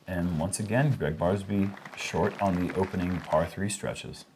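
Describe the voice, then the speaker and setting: A man's voice: sits low, a little slow, a little mellow, a little hiss or hum. A man doing casual play-by-play commentary on disc golf.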